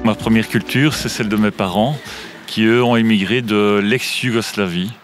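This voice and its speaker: Measured man with a low voice. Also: steady tone, faint music behind. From Belgium. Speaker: interviewee. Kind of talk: interview answers.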